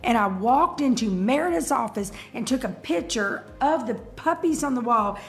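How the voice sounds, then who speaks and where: A woman's voice: fairly high pitch, normal speed. A middle-aged woman, co-hosting a casual live chat and telling stories with emphatic energy. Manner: animated storyteller, emphatic. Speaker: co-host of a breeder's live chat.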